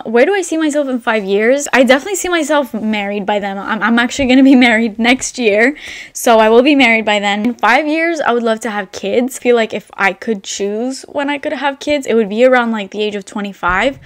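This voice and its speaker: A slightly high-voiced woman in her twenties, raised in Albania, vlogs a casual Q&A to camera from an indoor room with a brick wall and shelves. She chats and rambles, peppering her talk with "like."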